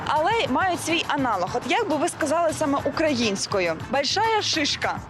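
A woman with a high voice asks short quiz questions one after another, like a street interviewer. A loud music track plays under her voice the whole time. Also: animated, brisk.

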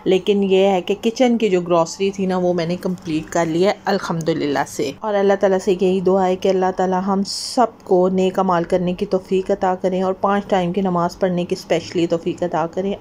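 A middle-aged woman from Pakistan talking through a home vlog in a chatty, earnest way that drifts into gentle advice. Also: mid-range voice, slight background noise. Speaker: vlogger. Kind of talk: casual vlog voice-over.

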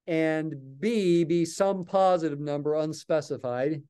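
An older man teaches a recorded calculus lesson, explaining step by step and thinking aloud while he writes. His voice sits a little high for a man, yet it is mellow and smooth. He talks into a desk mic in a small office. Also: slow pace. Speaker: math lecturer.

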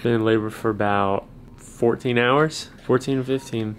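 A man's voice: mid-range voice, steady tone, normal speed. A man in his twenties chatting casually as a vlogger, recorded on a handheld camera in a hospital room. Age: 20s. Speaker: vlogger, expectant father. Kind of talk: casual vlog chat. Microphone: handheld camera at arm's length.

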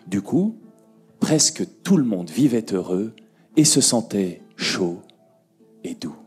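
A man telling a fairy tale to a conference audience, slow and expressive, dropping his voice and lifting it for effect. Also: fairly low pitch, faint music behind. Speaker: storyteller. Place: conference room.

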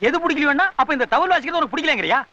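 A boastful village drummer lectures and taunts in a high, bright, pompous voice. The sound is a dull, dry old film soundtrack, with no room around it. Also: male voice, lively intonation, very fast, dry recording, full character voice. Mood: scolding. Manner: pompous, scolding, sarcastic. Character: boastful middle-aged male drummer, bossy and scolding. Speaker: temple drum player. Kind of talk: 1980s-90s Tamil film comedy dialogue.

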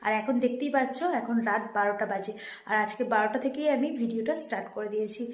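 A woman's voice: on the high side, quick pace. A woman family vlogger chatting straight to her viewers as she films at home on a phone camera. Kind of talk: casual vlog narration to viewers. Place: home and rooftop at night. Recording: roomy echo.

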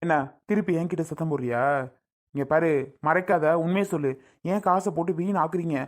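A performer playing a fussy husband who scolds his wife, nagging and shouting questions. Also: fairly low pitch, fairly quick, lightly acted. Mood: scolding. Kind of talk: comedy skit acting.

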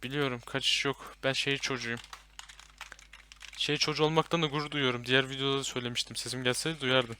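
A young man playing a horror game with a friend, commenting and swearing loudly at the enemies. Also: medium pitch, steady tone, fast talker, clean tone. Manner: loud, swearing, yelling at enemies. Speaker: gaming YouTuber.

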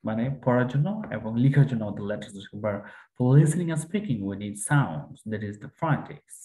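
A man's voice: on the low side, expressive, measured pace, warm tone, roomy sound, poor audio. A man teaching English pronunciation online, repeating each word aloud and mixing English into his explanations.

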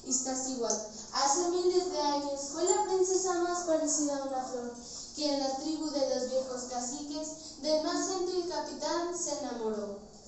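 A teenage girl with a central Mexican accent performs a grand poetry declamation in a high voice. Her delivery is solemn and theatrical, projected across the room. She is recorded from a distance in a very echoey space. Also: moderate pace, a little mellow. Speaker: student reciter. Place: indoors, bare tiled-floor room. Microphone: far camera. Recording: distant mic, very echoey room, faint noise.

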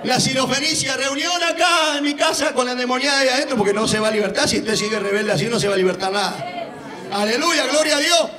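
Male evangelist, very high ringing voice, fiery shouted sermon style. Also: fast talker, in a large hall, some chatter behind. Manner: fiery, shouting, peppered with hallelujahs. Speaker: evangelist preacher.

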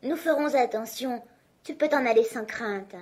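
A woman voicing shrill little goat kids. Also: moderate pace, darkish tone, lightly acted. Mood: reassuring. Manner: shrill and crying out. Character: chorus of little young goat kids, frightened and defiant.

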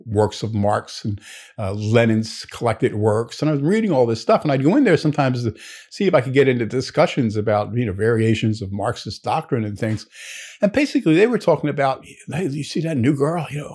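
An older man with a gravelly edge to his voice tells stories from his student days. He rambles and restarts often, and his pitch swings widely as he recounts them. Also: darkish tone. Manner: rambling, with many restarts and asides. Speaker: naval historian. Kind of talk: anecdotal storytelling.

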